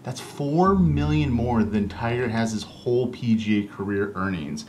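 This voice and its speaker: A man's voice: medium pitch, animated, unhurried, a little mellow, a little hiss or hum. A man hosting a joking golf news rundown in a sarcastic, wisecracking manner.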